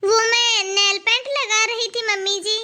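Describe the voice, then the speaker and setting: A woman's voice: very high voice, fairly even intonation, a little slow, bright, forceful tone, slight background noise, exaggerated voice. A woman doing a whiny vain cartoon daughter-in-law. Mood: sulky. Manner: whiny, sulky, complaining. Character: vain, self-pitying elder daughter-in-law. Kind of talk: cartoon voice acting.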